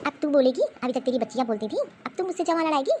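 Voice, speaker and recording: A woman voicing a sharp-tongued, scornful older grandmother in a cartoon who taunts her granddaughters. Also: sits high, expressive, racing, a little hiss or hum. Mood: scolding. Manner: scolding, taunting. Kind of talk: cartoon voice acting.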